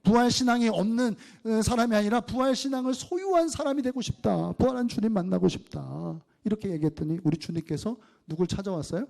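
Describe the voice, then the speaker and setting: A man's voice: high voice, fairly quick, gravelly, hardly any pauses. A middle-aged male pastor preaching a sermon, asking the congregation questions and acting out dialogue. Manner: animated, acts out biblical dialogue, asks the congregation questions.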